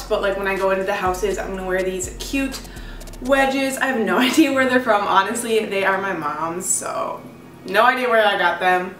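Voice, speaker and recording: A woman's voice: fairly high pitch, fairly bright tone. A young woman chatting casually to camera as a vlogger, with a bubbly, gushing sorority-girl manner. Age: young adult. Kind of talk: casual chat to camera about outfits. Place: small indoor room in a home, standing before a door. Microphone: camera mic a few steps away. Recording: echoey room, slightly distant mic.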